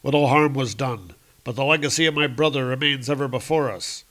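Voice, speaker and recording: A man's voice: mid-range voice, a little fast, a bit bright, close to an everyday voice. A man voicing a noble young male warrior prince who speaks formally and earnestly. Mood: resolute. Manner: formal, archaic speech.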